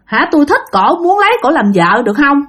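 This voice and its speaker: A woman's voice: high-pitched, big pitch swings, a little fast, fairly bright tone, voice pushed up. A woman voicing the ghost of a rude young man who talks insolently, with a Southern Vietnamese accent. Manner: insolent, pleading.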